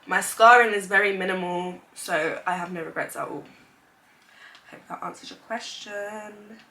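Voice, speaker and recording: A congested vlogger in her twenties sits indoors at home and talks casually and openly to the camera mic in front of her, saying "like" often. Her mid-range voice is steady and sharp, a little slow, and the rough recording carries slight background noise.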